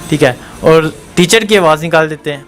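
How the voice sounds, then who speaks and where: Male host-interviewer, higher voice, upbeat and prompting. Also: fairly bright tone. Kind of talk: presenting to viewers.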